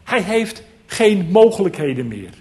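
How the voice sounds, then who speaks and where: Man, preacher, sermon, earnest, emphatic, slightly high voice. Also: big pitch swings, measured pace, darkish tone. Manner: earnest, emphatic, repeats key phrases.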